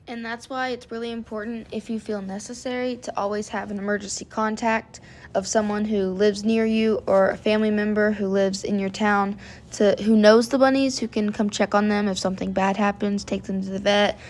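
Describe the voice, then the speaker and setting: A woman's voice: medium pitch, fairly even intonation, fairly quick. A woman with a groggy morning voice giving casual how-to tips as a pet vlogger, chatty and repeating words for emphasis. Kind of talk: casual how-to vlog narration.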